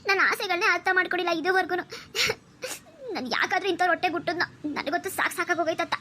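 A woman's voice: extremely high pitch, fairly even intonation, racing, pushed and bright, a little hiss or hum. A woman doing a whiny, tearful cartoon girl. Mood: sulky. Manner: whiny, sobbing, insistent. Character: spoiled lovesick young woman, tearful and stubborn. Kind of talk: cartoon voice acting.

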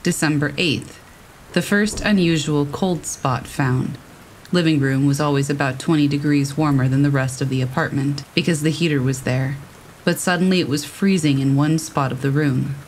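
A narrator reading first-person horror stories aloud in a steady storytelling manner. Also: mid-range voice, normal speed, slight background noise, poor audio.

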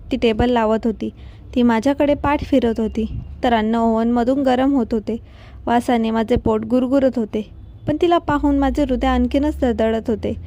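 A woman reads a romantic story aloud in a steady, even narration. Her voice sits fairly high with a soft, mellow tone.

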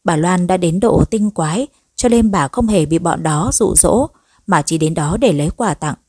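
A woman narrating a scripted story in an even, measured way. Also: fairly low pitch, slightly rough, no echo, studio quality.

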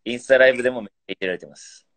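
Fast-talking man hosting a live stream. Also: medium pitch, fairly bright tone. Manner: quick, teasing, reads viewer comments. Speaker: pro footballer, live-stream host. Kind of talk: casual live-stream chat.

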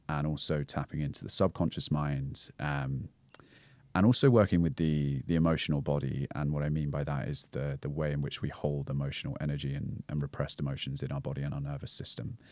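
A calm man with a very deep voice speaks in a considered, measured way as a breathwork guide appearing on a podcast. He explains things in a casual interview style from a small studio lounge set, recorded dry through a boom-arm studio mic.

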